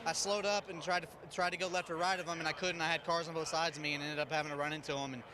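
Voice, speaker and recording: A man's voice: on the high side, little pitch movement, rapid-fire. A man, a racing driver, giving a rambling, matter-of-fact account in a trackside interview. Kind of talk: unscripted post-crash interview. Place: outdoors at a racetrack. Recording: crowd and vehicle noise behind.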